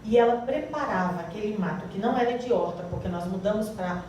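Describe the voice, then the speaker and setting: A woman's voice: mid-range voice, lively intonation, fairly quick, darkish tone. A woman with a Brazilian Portuguese accent preaching a church sermon, reading scripture and quizzing the congregation with questions. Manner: asks the congregation questions and prompts answers. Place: church hall. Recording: very echoey hall, mic far off, faint hiss.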